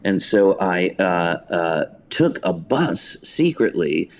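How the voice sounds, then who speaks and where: Low-pitched and very animated yet slow-paced, this theater writer and director from suburban New York shares personal stories as a podcast guest. He's an American in his fifties with a self-deprecating, storytelling style, and there's a little hiss or hum on the recording.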